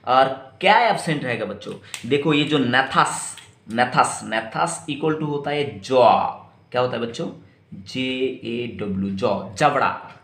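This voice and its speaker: A man's voice: medium pitch, unhurried, a bit bright, reverberant. A male biology teacher lecturing students, spelling out terms letter by letter and quizzing the class.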